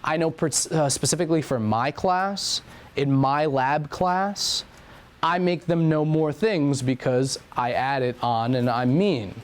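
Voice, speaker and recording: A man's voice: on the high side, measured pace. A young man teaching an anatomy and physiology lab review in a classroom, talking casually and repeating key points.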